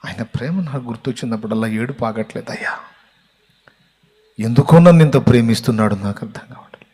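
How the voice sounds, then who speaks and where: A man's voice: mid-range voice, fairly quick, slightly rough, close to an everyday voice. A preacher voicing an elderly man of God who weeps and pleads as he speaks. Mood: tearful whisper. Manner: sobbing, pleading, breaking into loud cries. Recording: long hall reverb.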